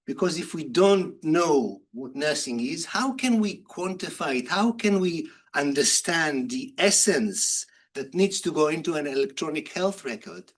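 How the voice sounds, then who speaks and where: A man's voice: on the high side, animated, a little slow, hardly any pauses. A man lecturing at a conference in an interactive manner, putting questions to the audience and answering them himself. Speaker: university lecturer in nursing and health informatics.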